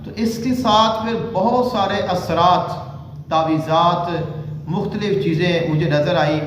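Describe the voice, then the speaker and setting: A man from Pakistan with a Punjabi accent, a cleric giving religious instruction who recites long sacred names slowly and deliberately. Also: a little high, a little hiss or hum. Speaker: Islamic spiritual healer and cleric. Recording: very echoey room.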